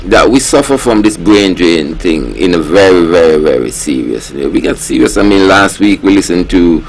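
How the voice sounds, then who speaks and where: A man's voice: low-pitched, expressive, normal speed, creaky, breathy edge, rough recording. A man with a Kittitian-Nevisian accent speaks earnestly and emphatically in a panel discussion, repeating words for stress. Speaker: talk programme panellist.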